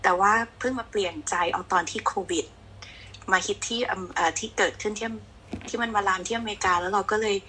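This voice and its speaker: A woman's voice: mid-range voice, steady tone, fast talker, bright, forceful tone, a little hiss or hum, rough recording. A woman doctor from Thailand speaking on an online panel, thoughtful with some hesitation.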